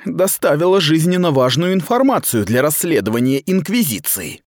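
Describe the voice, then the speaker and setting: A man's voice: a little high, big pitch swings, normal speed, darkish tone, no echo, studio quality, pitched above the performer's own voice. A man reading the part of a hot-tempered, desperate young woman investigator in a storybook reading. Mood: urgent. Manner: urgent, defiant, pleading.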